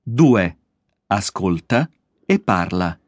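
A man's voice: low-pitched, very animated, very slow, dry recording, clean studio sound. A man reading a scripted language lesson, spelling out each letter with an example word. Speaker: language course reader.

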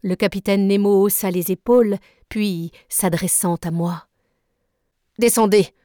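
A woman reading a classic novel aloud in a measured, even narration. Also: mid-range voice, no room sound, clean studio sound. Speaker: reader. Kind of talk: literary read-aloud.

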